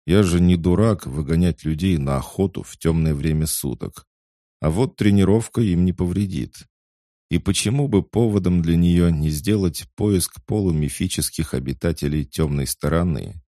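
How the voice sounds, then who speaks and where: A man's voice: sits low, normal speed, warm tone, no room sound, studio quality, pitched above the performer's own voice, lightly acted. A man voicing an unruffled, polite man who sounds a little mocking. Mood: courteous. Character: unruffled man, courteous and slyly evasive.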